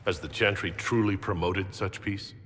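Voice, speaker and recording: An actor voices a composed, skeptical male hero in video game dialogue, delivering lines in a dry, matter-of-fact way. His low-pitched voice is steady, a bit bright, and moderately paced. The recording is noisy with a long hall reverb.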